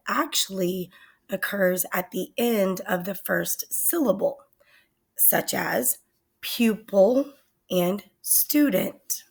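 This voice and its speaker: A woman teacher talks through a spelling lesson at an unhurried, careful pace. Her voice has a gravelly edge and a slightly husky tone. She sounds out words deliberately for her students. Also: medium pitch.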